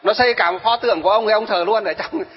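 High-voiced monk telling a story. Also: male voice, racing. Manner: animated, addresses listeners directly. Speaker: Buddhist monk. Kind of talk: storytelling sermon. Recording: dull sound with long hall reverb.

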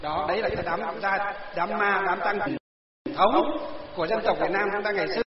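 A man's voice: high-pitched, normal speed, crowd noise. A man preaching a Buddhist sermon to a gathered audience, constantly posing rhetorical questions and answering them himself, and sometimes questioning listeners directly. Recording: roomy hall reverb, dull lo-fi sound.

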